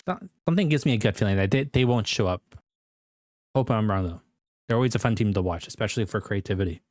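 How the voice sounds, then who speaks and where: A man's voice: fairly low pitch, quick pace, a little mellow, no room sound. Young american guy rambling thru his esports picks, keeps correcting himself, dry close sound. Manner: rambling, self-correcting, enthusiastic. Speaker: gaming video host. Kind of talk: casual esports predictions commentary.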